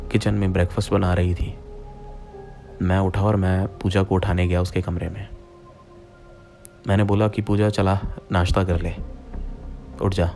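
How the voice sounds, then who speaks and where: A man's voice: deep voice, dark tone. A young man narrating a true-style horror story in the first person, speaking directly to his listeners as friends in a plain retelling voice.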